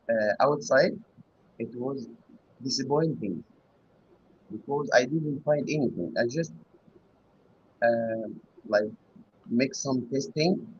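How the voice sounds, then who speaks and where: A husky-voiced man speaks over a bad connection that keeps dropping out, the video-call audio dull and muffled. He is not a native English speaker. He talks in a hesitant, halting way, pausing and restarting as he searches for words. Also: mid-range voice. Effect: bad connection, mic cutting out. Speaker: guest caller. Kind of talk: casual chat. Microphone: online video call.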